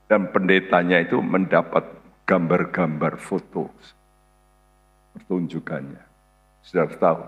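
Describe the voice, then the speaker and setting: A male pastor preaching a sermon in a church hall, slow and emphatic, with sudden high exclamations. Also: muffled recording. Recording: long hall reverb, mains hum.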